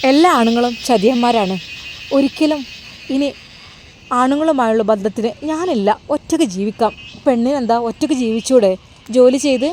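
A woman's voice: a little high, moderate pace, a little mellow, a little hiss or hum, close to an everyday voice. A woman voicing a heartbroken young woman who talks in a tearful, bitter, pleading way, with faint crickets behind. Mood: hurt, bitter. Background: faint evening crickets.

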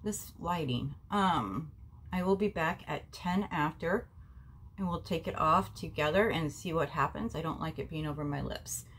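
Speaking low but fairly bright at a moderate pace, this forty-something beauty vlogger sounds stuffy and nasal from a cold. She's at home in a small bedroom reviewing a face mask casually, chatting with viewers as if they were family and filling gaps with ums. There's a little hiss or hum, and the camera is in front of her at desk distance.

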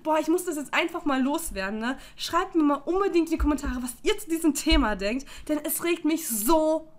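A woman's voice: high voice, lively intonation, fairly quick. A young woman in her twenties venting to her viewers in a casual, heated vlog rant. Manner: heated, exasperated ranting; talks directly to viewers. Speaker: YouTuber.

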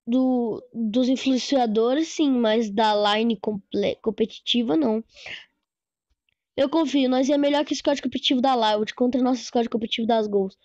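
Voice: mid-range voice, normal speed, darkish tone, no echo, highs cut off. A gaming streamer from Brazil, chatting casually and slangily while reacting to a video. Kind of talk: casual chat over gameplay.

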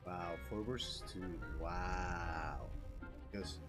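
A man commenting on his own gameplay, playful and swearing in loud outbursts. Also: low-pitched, extremely slow. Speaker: gaming streamer. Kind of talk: let's play commentary. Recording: voice mixed with loud game music.

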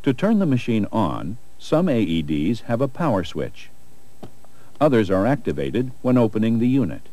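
A man's voice: fairly low pitch, sing-song, normal speed, warm tone. A man reading scripted narration for a training video in an instructional style.

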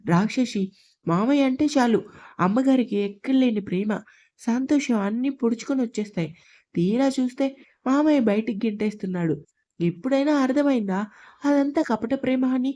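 A bossy, teasing young man in a love story, read out by a woman storyteller. He scolds with fond, mock-threatening warmth. She keeps a slightly high voice close to her own, with little change for the man. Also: normal speed, lo-fi sound, lightly acted. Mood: teasing scolding.

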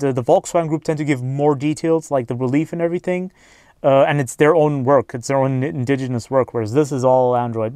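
A man's voice: fairly high pitch, darkish tone. A man giving a casual, candid car review walkthrough, chatty with frequent fillers.

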